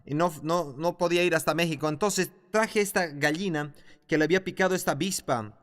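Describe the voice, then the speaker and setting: A man's voice: fairly high pitch, a little fast, a bit bright. A man teaching a Bible class in a sermon style, emphatic and repeating his key phrases. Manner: emphatic, repeats phrases, rising when stressing points. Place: church or classroom hall. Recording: echoey hall reverb.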